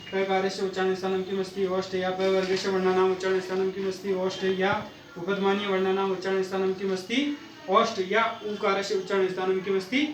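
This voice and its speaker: A high-pitched man gives an exam-prep lesson. He recites grammar rules in a slow, chanting way and drills the likely questions again and again. His voice echoes around a room, some way off the mic, with faint ambient noise behind. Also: flat delivery, recorded from a distance, faint music behind. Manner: methodical, repeats exam questions and answers; chants Sanskrit sutras slowly. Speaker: Sanskrit grammar teacher.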